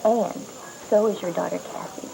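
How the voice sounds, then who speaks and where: A woman's voice: medium pitch, fairly even intonation, normal speed, vocal fry, rough recording. An actress playing a young woman who confronts a schemer, indignant and emotional, in a soap opera. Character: young woman caught in lies, desperate, defiant. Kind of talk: 1980s soap opera acting. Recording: TV soap audio with loud music.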